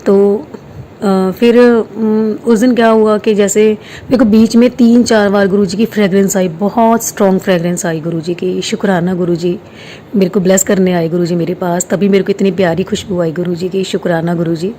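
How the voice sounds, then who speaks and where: Woman, 30s, mellow devotional storyteller, hesitant, faint hiss behind. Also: medium pitch, steady tone, moderate pace. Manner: hesitant, many fillers, mixes in English words. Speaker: devotional storyteller sharing a personal experience. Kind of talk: casual spiritual testimony. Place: quiet room at home.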